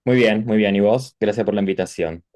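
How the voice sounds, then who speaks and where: An architect from Turin, Italy, chats as a guest in a casual interview, speaking Rioplatense Spanish with an Italian tinge. He is relaxed and rambling, full of fillers and self-corrections, his lowish voice a little fast on a dry, clean studio recording.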